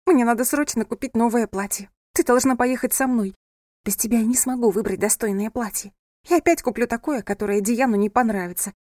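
A woman voicing a panicky, dramatic young bride who wails and complains in a high, loud voice. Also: brisk, dry recording, studio quality, natural voice. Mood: panicked. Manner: hysterical, wailing.

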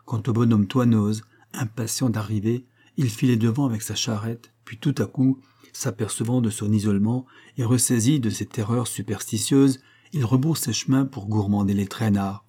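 Mellow male storyteller. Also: on the low side, steady tone, moderate pace, hardly any pauses, slightly rough. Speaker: reader. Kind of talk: scripted narration of a classic tale.

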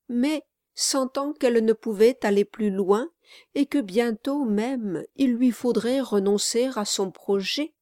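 Female audiobook narrator, measured and unhurried, dry studio sound. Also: medium pitch, no echo. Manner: measured, even storytelling. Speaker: audiobook reader. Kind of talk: scripted narration of a classic novel.

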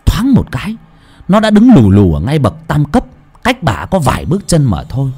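A man's voice: fairly high pitch, huge pitch swings, normal speed, a little mellow, breathy edge. A man narrating a horror story in a dramatic storytelling voice. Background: faint background music.

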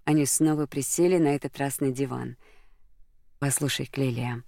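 An audiobook narrator reading a romance story as scripted narration, in a steady, even storytelling manner. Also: mid-range voice, a little fast, gravelly, no echo, studio quality.

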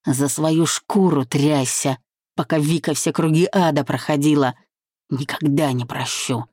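A woman's voice: low voice, steady tone, a little slow, a little mellow, no room sound. A woman reading an audiobook voices a young husband, tender with his wife and stern toward his rival. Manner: hoarse, firm.

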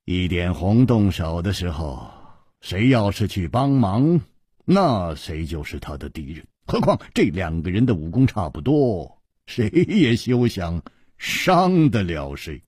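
A man's voice: mid-range voice, wildly swooping pitch, a little slow, darkish tone, slightly rough, dry recording, clean studio sound, exaggerated voice. A man voicing an easygoing male hero swordsman in a storytelling reading, wry and amused in manner.

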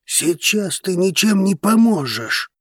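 A man doing a calm, steady dragon friend. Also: sits high, breathy edge, no echo, studio quality, pitched above the performer's own voice, full character voice. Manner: slow, soothing, measured.

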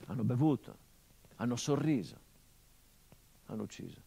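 In this brooding radio monologue, a stage actor portrays a middle-aged son haunted by his father's murder, his intimacy swelling into anguished cries. His voice is medium-pitched, creaky, dark, and husky, animated and moderately paced.

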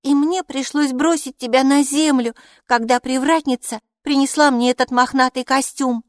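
A woman voicing an eager six-year-old girl who argues back readily, in a high, childlike voice for a storybook. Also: steady tone, normal speed, no room sound, studio quality, natural voice. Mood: indignant.

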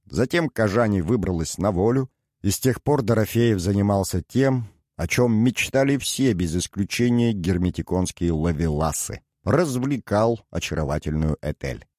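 A man narrates a novel in an even, measured storytelling voice. His tone is low, and the recording is close and dry, with no room sound. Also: dry recording. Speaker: audiobook narrator. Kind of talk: scripted audiobook narration.

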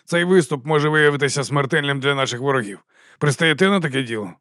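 A man's voice: fairly high pitch, quick pace, a bit bright, no room sound, clean studio sound, close to an everyday voice. A man reading an audiobook and voicing an old, flamboyant mercenary who talks in a grand, showman-like way. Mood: jovial, grand. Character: old, flamboyant male mercenary, theatrical and cheerful. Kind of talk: audiobook character voice.

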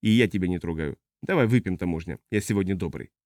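A man voicing a huge, drunk male navigator who talks low and quietly menacing. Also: quick pace, no room sound, studio quality, close to an everyday voice. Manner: low, slurred, quietly threatening.

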